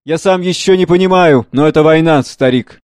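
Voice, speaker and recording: A man voicing a grave, shaken middle-aged gentleman in a dramatic play reading, speaking in a measured, somber way. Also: fairly high pitch, clear, resonant tone, no room sound, studio quality, lightly acted.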